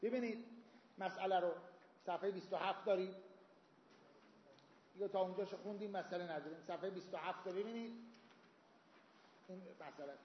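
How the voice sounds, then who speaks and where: A man with a high voice gives a seminary lecture, walking through legal reasoning with everyday examples and Arabic quotations. The sound is echoey, as in a hall, with a long reverb tail. The recording is slightly dull and lo-fi. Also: fairly even intonation, pauses often, slight background noise. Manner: explains with everyday examples, quotes Arabic texts. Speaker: seminary teacher. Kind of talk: Islamic jurisprudence lecture.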